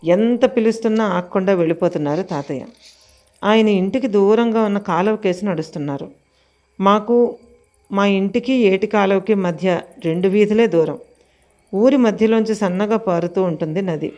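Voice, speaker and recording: A woman narrating a scripted audio story in a measured, suspenseful first-person telling. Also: medium pitch, dark tone, highs cut off, faint music behind.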